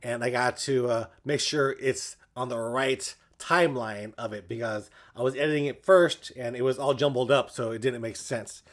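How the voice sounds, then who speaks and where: A man's voice: medium pitch, steady tone, moderate pace, hardly any pauses. A man chatting casually to his viewers as a running vlogger. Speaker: running vlogger and channel host.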